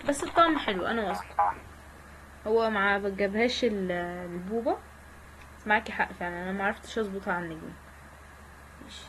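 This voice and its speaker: A woman's voice: medium pitch, noisy background. Egyptian woman, gaming vlogger, mid-range voice, playful and chatty, cracks jokes at herself. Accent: Egyptian Arabic. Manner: playful, joking, chatty with viewers. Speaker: gaming channel host. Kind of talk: casual let's-play commentary.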